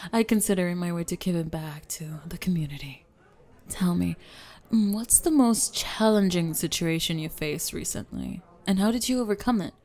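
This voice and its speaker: Playing a formal, ambitious businesswoman in an ASMR speed-dating scene, the actress questions her date as though interviewing a job applicant, brisk and direct. Her slightly low voice has a darkish tone, and the acting is light.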